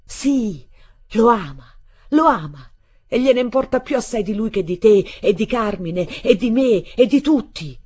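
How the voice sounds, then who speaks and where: A woman voicing a furious, jealous teenage boy who shouts bitterly in a husky voice in a storybook reading. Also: low voice, measured pace, hardly any pauses, full character voice. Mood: furious shouting.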